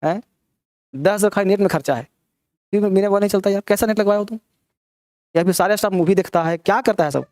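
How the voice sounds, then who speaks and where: A man's voice: sits high, quick pace, long pauses, darkish tone, no room sound. A man teaching an English grammar class, teasing and scolding his students as he quizzes them with rhetorical questions. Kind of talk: classroom lecture.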